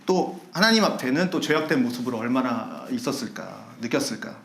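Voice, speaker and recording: Animated Korean pastor in echoey hall. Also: male voice, mid-range voice, a little fast, creaky. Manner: animated storyteller acting out angry shouts and laughing. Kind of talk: sermon with storytelling. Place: church sanctuary.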